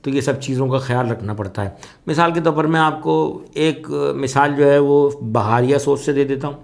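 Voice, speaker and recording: A man teaches a class on soz recitation, speaking at middle pitch. His delivery is measured and explanatory, with frequent fillers, as he walks his students through each point. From Pakistan. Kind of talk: spoken lesson.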